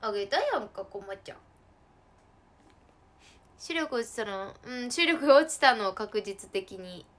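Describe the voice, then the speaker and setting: A woman chatting casually on a live stream while she plays a game. She laughs often and breaks into sudden loud outbursts. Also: fairly high pitch, expressive, a little slow, pauses often.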